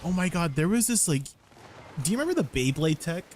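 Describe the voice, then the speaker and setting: Streamer with a deep voice changer. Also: male voice, very animated, a little fast, darkish tone, a little hiss or hum. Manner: rambling, meandering storytelling. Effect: deep pitch-shifting voice changer. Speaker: livestreamer. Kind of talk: casual chat with viewers.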